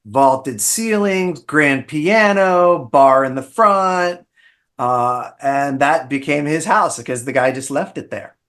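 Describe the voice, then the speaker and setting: A man's voice: on the high side, animated, slow pace, fairly bright tone. A middle-aged man, a guest on an interview show, telling long family anecdotes in a casual, rambling way with frequent restarts. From Bahamas-born, raised in South Florida. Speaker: podcast guest, ER physician.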